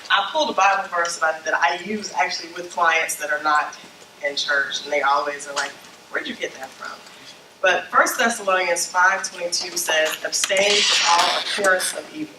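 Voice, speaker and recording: A branding consultant addresses a small group of church leaders in a meeting room, her lowish voice slightly scratchy from a summer flu. She talks at normal speed and keeps checking in with "okay?" and "you know?". The mic is distant and the room echoes.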